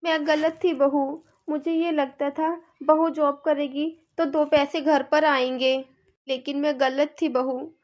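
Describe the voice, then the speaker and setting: A woman's voice: high-pitched, little pitch movement, slow, darkish tone, dull audio. A woman voicing a bossy, complaining middle-aged mother-in-law in a cartoon, nagging and scolding.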